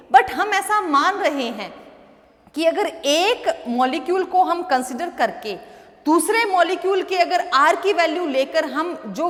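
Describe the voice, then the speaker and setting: High-voiced woman teaching in an echoey room. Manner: addresses students as "beta", checks with "thik hai"; slows down for English definitions. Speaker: chemistry teacher. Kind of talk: classroom lecture, Hindi mixed with English terms. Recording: roomy echo with long reverb.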